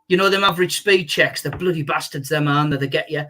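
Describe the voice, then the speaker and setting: A young man with a high, bright voice, chatting casually as co-host. He tells sweary stories with lots of energy and laughs at himself. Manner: animated storyteller, quick to laugh at himself. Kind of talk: casual banter, swearing anecdotes.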